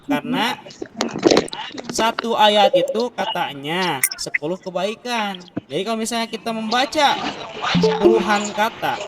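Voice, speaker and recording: A man's voice: sits high, a little slow, long pauses, music in the background. A man teaching an online class on Quran recitation, explaining patiently and drawing out the recited examples over a video call. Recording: loud hiss and clicks on a video call.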